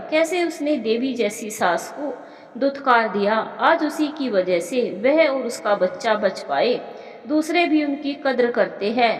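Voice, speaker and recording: A woman narrating a moral family story in an even, plain storytelling manner. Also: on the high side. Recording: echoey room with long reverb.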